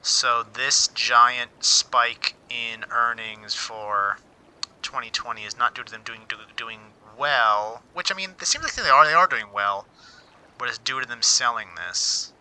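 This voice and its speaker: During a casual livestream, a medium-pitched man speaks at a measured pace in a bright, forceful, clear and resonant voice. He thinks aloud as he reads out figures, musing on them wryly, interrupting himself and repeating words mid-sentence. The audio is poor.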